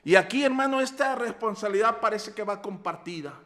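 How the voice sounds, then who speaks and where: A man with a Mexican accent preaching a sermon as pastor, swinging from loud, emphatic exhortation to quiet storytelling. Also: sits high, animated, a little fast, roomy sound. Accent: Mexican Spanish. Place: church sanctuary.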